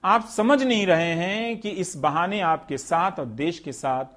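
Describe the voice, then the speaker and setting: A man's voice: sits high, a little slow, heavy background noise. A man delivering scripted TV news commentary in a sarcastic, rhetorical way, speaking straight to the viewer.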